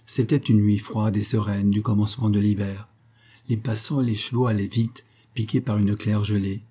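A man narrating a classic novel aloud in a measured, expressive reading. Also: on the low side, husky. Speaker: reader of a novel. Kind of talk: literary audiobook narration.

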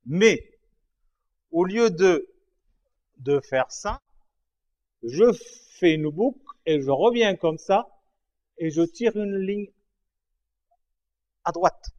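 A man gives a lesson at an unhurried pace, repeating key points and checking that his students follow. His voice sits fairly high for a man. The recording is dull and lo-fi. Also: expressive, a little mellow. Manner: patient, repeats and checks understanding. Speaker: language teacher. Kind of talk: slow writing lesson.

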